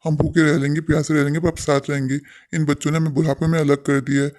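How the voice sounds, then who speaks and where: A man's voice: on the high side, little pitch movement, fast, darkish tone, natural voice. A man voicing a pleading, half-blind old father. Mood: tender, resolute. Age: older. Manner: plaintive, repeatedly calling out. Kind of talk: animated cartoon voice acting.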